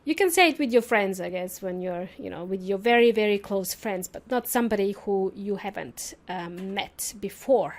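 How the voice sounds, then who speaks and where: A native Serbian speaker hosts a solo English-teaching podcast, upbeat, playful and chatty, often posing questions to her listeners. Her voice is medium-pitched, at a normal speed with few pauses.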